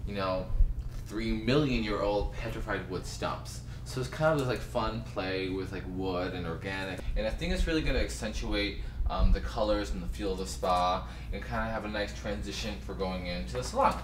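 An eager man in his thirties leads a tour through an echoey spa, his voice a touch low, talking in bursts of excitement padded with fillers. Audible room noise hums behind him the whole time. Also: moderate pace. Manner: enthusiastic, gesturing, filler-heavy. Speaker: interior designer. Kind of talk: walkthrough tour explanation. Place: indoor spa salon, echoey rooms.

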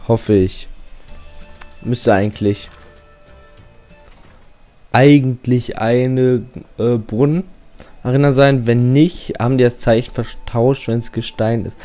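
A young man hosts a let's-play channel, giving casual, slangy commentary and often reading the game's text aloud. His voice is medium-pitched with a warm tone.

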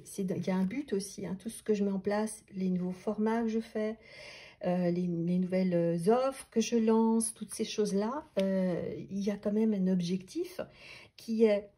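A woman coach explaining a tarot practice in an unscripted talk, pausing to rethink her words and sometimes dropping to a near-whisper. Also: medium pitch, dark tone, husky. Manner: thoughtful, restarts often, drops to near-whispers.

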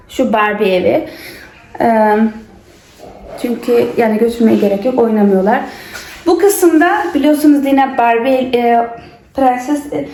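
Woman's voice echoing in an empty room. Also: high voice. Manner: chatty, lively, showing things as she walks through the room. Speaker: family vlogger. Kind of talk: casual vlog talk to viewers. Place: nearly empty child's bedroom at home. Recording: echoey bare room, faint hiss.

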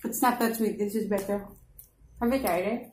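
A woman's voice: medium pitch, moderate pace, a little mellow, a little hiss or hum. A woman, a mother chatting casually with viewers and coaxing her child during a family eating video. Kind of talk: casual mukbang chat to viewers. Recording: roomy echo.

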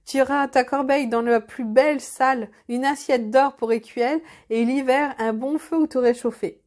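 A woman's voice: sits high, steady tone, moderate pace, a little mellow, lightly acted. A woman reading aloud the lines of a humbled, noble young prince in a storybook, with solemn, formal speech. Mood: earnest.

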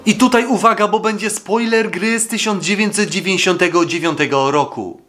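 A man's voice: high-pitched, brisk, pushed and bright. A young man narrating a scripted retro game review in a wry, conversational way.

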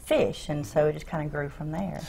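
A woman's voice: low voice, steady tone, brisk, gravelly, mellow, slightly rough. A woman, a school parent association president speaking upbeat on a TV interview, on a lapel mic. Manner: upbeat, promotional. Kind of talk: TV studio interview. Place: TV news studio set, seated.

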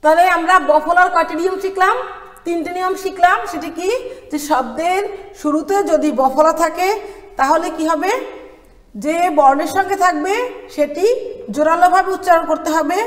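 High-voiced woman teaching in an echoey room. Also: steady tone. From Bangladesh. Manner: slow, emphatic, asks questions then answers them. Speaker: college Bangla lecturer. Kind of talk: classroom pronunciation lesson.

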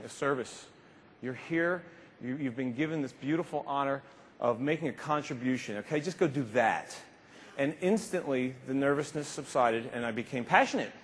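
A man in his fifties gives an emphatic, informal motivational keynote on a large indoor conference stage, repeating phrases for effect. His voice is mid-range with a little hiss or hum, picked up by a lapel mic in a reverberant hall that slightly muffles his speech.

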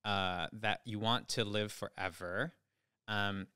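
A man's voice: fairly low pitch, steady tone, slow pace, sharp tone, clean tone, dry recording. A man in his thirties brainstorming ideas in a casual studio conversation, thinking aloud with frequent restarts. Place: studio with brick walls. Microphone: studio mic on boom arm, headphones.

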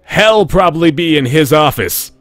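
Man putting on a high, exaggerated valley girl voice. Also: big pitch swings, moderate pace, no echo, soft background music. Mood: sassy. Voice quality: high-pitched put-on girlish voice. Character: young female valley girl client, flustered, apologetic, ditzy. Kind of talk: mock voice-acting of game text.

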